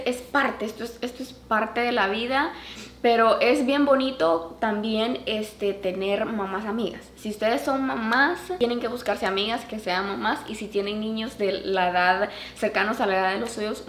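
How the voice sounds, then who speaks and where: A woman vlogger and mother telling a story casually to her viewers, animated, with a higher pitch whenever she acts out what others said. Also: normal speed. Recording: echoey room with faint background noise.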